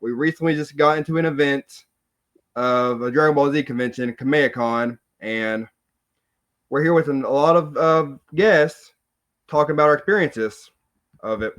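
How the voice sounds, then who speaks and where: A man's slightly higher voice comes through dull, lo-fi call audio as he hosts a podcast chat. He talks loosely and keeps the group moving from one guest to the next. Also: moderate pace, fairly bright tone. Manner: loose, friendly, runs the round-table. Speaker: podcast host.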